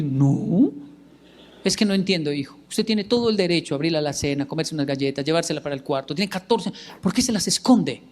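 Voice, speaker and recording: A middle-aged man telling family stories to an audience, acting out his sons' voices. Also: sits high. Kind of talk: storytelling talk to an audience.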